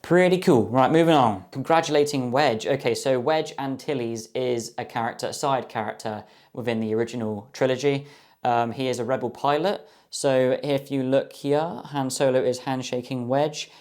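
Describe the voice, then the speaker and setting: Young male fan host, casual box-opening commentary, eager and rambling, middle pitch. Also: darkish tone. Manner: chatty, enthusiastic, many ums and guesses. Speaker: card box opener.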